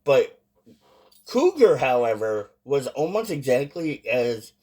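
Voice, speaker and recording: A man giving a casual, informal vlog-style review in a halting way, stressing words for emphasis. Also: medium pitch, big pitch swings, darkish tone. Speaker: product reviewer.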